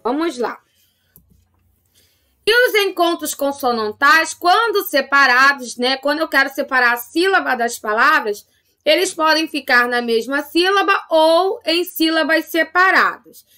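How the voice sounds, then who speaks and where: A Brazilian Portuguese-accented woman leads a grade-school class through a recorded remote lesson, patient and slow, frequently asking "tá?" to check in with the pupils. Her voice sits high and sounds animated, pushed, and bright.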